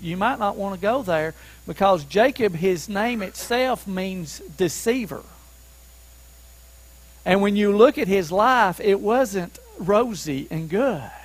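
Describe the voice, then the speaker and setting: A man preaching a sermon as pastor, who asks the listeners questions and rises to emphatic shouts on key points. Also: high voice, animated, slow pace, rough recording. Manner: asks the congregation questions to keep them following.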